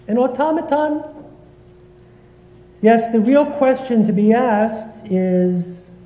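In an echoey sanctuary, a rabbi from Northeast Philadelphia delivers a sermon, joking and bantering with his congregation. His voice is high-pitched and dark in tone, and he speaks slowly.

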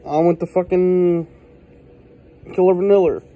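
A man's voice: sits high, steady tone, a little slow, dark tone, rough recording. A man giving a casual, exasperated product review, blunt and swearing heavily, recorded indoors on a handheld phone. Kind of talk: casual handheld video rant. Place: indoors at a desk.

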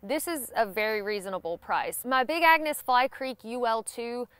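A woman's voice: fairly high pitch, moderate pace, no echo. A young woman with a Southern US accent, giving a scripted gear review to camera outdoors on a grassy lawn. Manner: clear, even, informative delivery.

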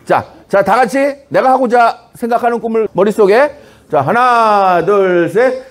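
A middle-aged comedy writer, a man, giving a humorous lecture to high school students. He is teasing and punchy, keeps asking "어?" for a reaction, and breaks into shouted examples. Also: normal speed.

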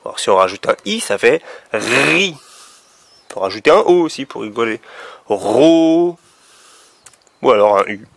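A man's voice: on the low side, big pitch swings, fairly quick, vocal fry, fairly bright tone, no room sound. A man teaching young children letter sounds, patiently drawing out each sound. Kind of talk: phonics lesson for young children.

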